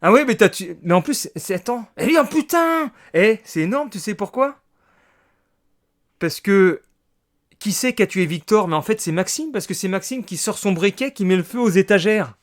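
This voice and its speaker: Excitable male let's player with a high voice, reads game text aloud and swears freely. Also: normal speed. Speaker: let's play gamer. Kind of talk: casual gameplay commentary.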